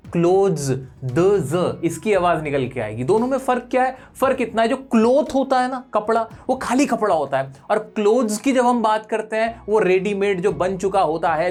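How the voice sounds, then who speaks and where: A woman's voice: medium pitch, darkish tone. A woman teaching English pronunciation, quizzing the viewer on each word and then correcting the answer firmly. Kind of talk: pronunciation lesson.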